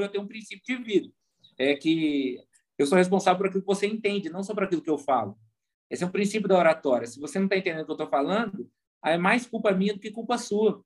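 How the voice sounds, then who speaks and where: Earnest high-voiced male pastor. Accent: Brazilian Portuguese. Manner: earnest, explains with vivid examples. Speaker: pastor, podcast guest. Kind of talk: casual podcast conversation.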